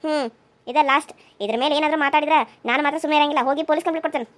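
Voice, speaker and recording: A scheming young woman in a cartoon serial, voiced by a woman demands and accuses. Her voice is very high and she talks fast. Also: steady tone, a bit bright. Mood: accusing. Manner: accusing, insistent. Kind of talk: cartoon voice acting.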